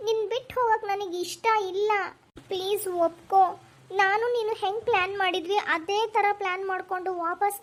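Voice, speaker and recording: A woman plays a manipulative young wife in a Kannada cartoon who pleads sweetly to her husband and plots in hushed asides. Her voice sits very high, and she speaks with a North Karnataka Kannada accent. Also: steady tone, brisk. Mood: pleading. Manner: pleading, then plotting in low asides. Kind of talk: cartoon voice acting.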